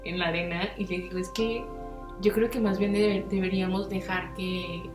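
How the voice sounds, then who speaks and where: A woman's voice: lowish voice, normal speed, echoey room, music in the background. A young Mexican woman hosting a podcast, telling a personal story in casual slangy chat and acting out what people said. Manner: animated, slangy, acts out quotes with big voice swings. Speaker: podcast host.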